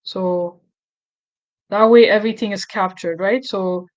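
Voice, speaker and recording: A woman's voice: medium pitch, steady tone, measured pace, dry recording, lo-fi sound. A woman hosting a casual screen tutorial, thinking aloud with fillers and self-corrections. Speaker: tutorial host.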